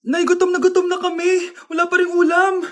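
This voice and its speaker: A woman's voice: very high voice, completely flat delivery, fairly quick. A woman acting out comic family skits, pleading and playful as the child or mother. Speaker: comedy skit performer.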